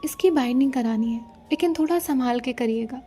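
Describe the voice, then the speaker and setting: A woman narrator voicing a calm, reserved young woman who answers in short, dry replies. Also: sits high, moderate pace, husky.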